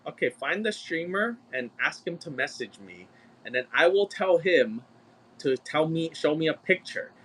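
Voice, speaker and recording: A man's voice: on the high side, lively intonation, moderate pace, fairly bright tone, husky. A man hosting a livestream, talking in a blunt, exasperated way and swearing often. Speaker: livestream seller. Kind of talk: casual livestream chat.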